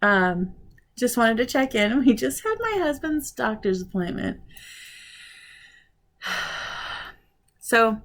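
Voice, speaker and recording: A woman's voice: on the high side, sing-song, takes it slowly, long pauses, fairly bright tone. A woman vlogger talking in a casual, rambling way, frank and chatty as she catches viewers up. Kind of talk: casual vlog chat.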